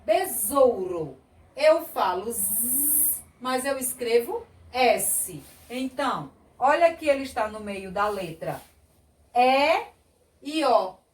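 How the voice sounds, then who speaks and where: A Brazilian Portuguese woman teaches young children in a high, lively, sing-song voice. She speaks slowly and stretches out each word she sounds out. She is a bit away from the mic in an echoey room. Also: recorded from a distance. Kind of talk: children's lesson.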